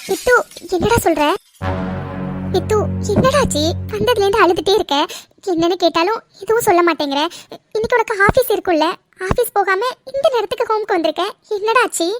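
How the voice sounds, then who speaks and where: A woman's voice: very high voice, animated, fairly quick, soft background music. A woman voicing a caring middle-aged orphanage mother who soothes and coaxes. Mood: soothing. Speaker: narrator voicing all figures.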